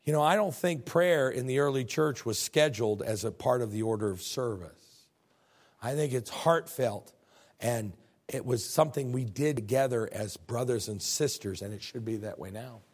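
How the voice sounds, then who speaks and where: A middle-aged pastor preaching a folksy, animated sermon, repeating phrases and talking directly to his congregation. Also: medium pitch, normal speed.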